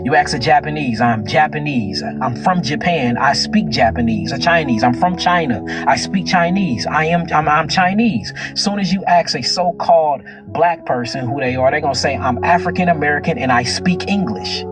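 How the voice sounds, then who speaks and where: A man's voice: a little high, normal speed, few pauses. A man lecturing in a preachy way, explaining and often asking "you know what I'm saying.". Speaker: speaker on spirituality. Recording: speech over loud music.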